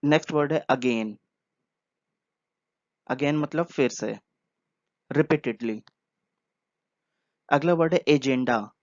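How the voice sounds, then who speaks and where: A man giving a word-by-word vocabulary lesson, patient, repeating each word and explaining it slowly. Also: a little high, a little mellow, no room sound. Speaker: English vocabulary teacher. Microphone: earphone mic. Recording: dull lo-fi earphone recording.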